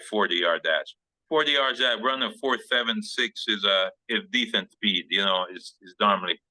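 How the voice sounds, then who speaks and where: A man's voice: fairly low pitch, pushed and bright, dry recording, low-quality recording. A man who is a former football player, telling a rambling story as a guest on a video call, with many restarts and small laughs.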